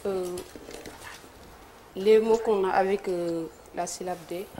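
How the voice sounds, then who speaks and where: A woman's voice: medium pitch, steady tone, slow, a crowd in the background. A woman with a Senegalese French accent answering as a quiz contestant, hesitant, with fillers. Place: TV studio.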